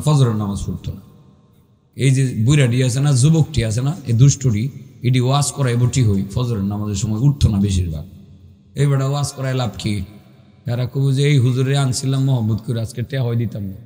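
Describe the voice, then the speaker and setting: A man's voice: mid-range voice, normal speed, darkish tone, long reverb tail. A man preaching an open-air sermon, folksy and scolding as he speaks straight to the crowd. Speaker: Islamic preacher. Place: outdoor religious gathering.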